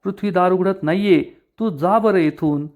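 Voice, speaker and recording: A man's voice: high-pitched, moderate pace, a little mellow, natural voice. A man reading the lines of an angry, tearful woman of the house in a serial recap, scolding and reproachful.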